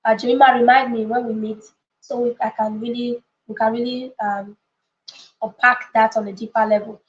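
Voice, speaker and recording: Speaking at a moderate pace in a flat, high-leaning voice, a woman coach leads an informal live motivational lesson. She hosts the session as a coach and book club leader, chatting with viewers, emphasizing and repeating key phrases and checking in with them, all in slightly dull lo-fi audio from an echoey room.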